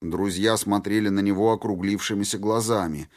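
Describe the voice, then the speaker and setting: A man narrating an audiobook in a steady, measured way. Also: fairly low pitch. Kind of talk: scripted narration.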